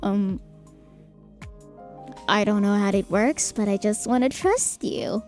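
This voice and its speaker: A young woman streamer reading a visual novel aloud in a soft, hesitant, apologetic way. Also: medium pitch, slow pace, soft background music. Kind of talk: reading game dialogue and first-person narration aloud.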